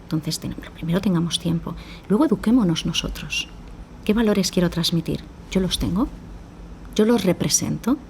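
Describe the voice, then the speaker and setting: A woman with a lowish voice speaks at normal speed, with slight background noise. She's a psychologist guest on a podcast, explaining at length and acting out her conversations with parents.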